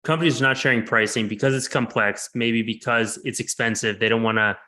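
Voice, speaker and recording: A man hosts an interview and lays out his questions in a calm, conversational way. His voice is bright and clear, at an ordinary pitch for a man. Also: fairly quick. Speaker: interview host.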